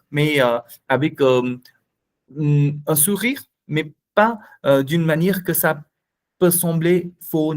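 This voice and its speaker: A man giving a language school talk on nonviolent communication, explaining slowly with many hesitations and fillers. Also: on the high side. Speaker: French teacher.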